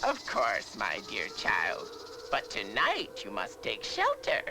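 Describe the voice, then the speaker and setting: A woman's voice: extremely low pitch, huge pitch swings, takes it slowly, background noise, exaggerated voice. Very old witch, wildly swooping voice. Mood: falsely sweet, coaxing. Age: very old woman, as played. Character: wicked forest witch disguised as frail old woman. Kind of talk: dramatized storybook fairy tale.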